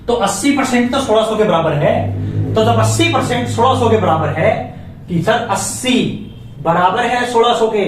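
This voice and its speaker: A man's voice: sits high, a little hiss or hum. A man teaching a maths lesson, putting questions to the class and then answering them himself. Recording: echoey room, voice from far off.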